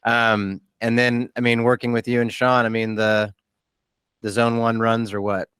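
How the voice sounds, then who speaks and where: A man's voice: mid-range voice, level tone, normal speed, fairly bright tone, smooth, no room sound. A man in his thirties hosting a casual interview, talking candidly and self-deprecatingly about his own injury, with frequent restarts. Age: 30s. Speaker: podcast host and athlete.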